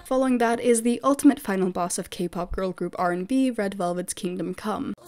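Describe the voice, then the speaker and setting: Speaking in a mid-range voice at a fairly quick clip, a woman narrates her scripted take on which members of a music group she favors. She's a K-pop fan video creator whose voice has returned after she lost it, and she sounds chatty, opinionated and eager like a true fan.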